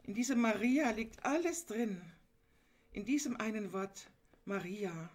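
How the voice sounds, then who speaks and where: A woman's voice: on the high side, a little slow, darkish tone. A woman preaching a sermon, retelling a gospel scene earnestly and turning to her listeners with direct, emphatic appeals.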